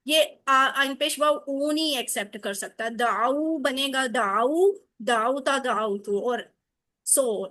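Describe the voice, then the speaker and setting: A woman teaching a class over a video call, with a high and bright voice. She keeps encouraging her students and keeps putting questions to them.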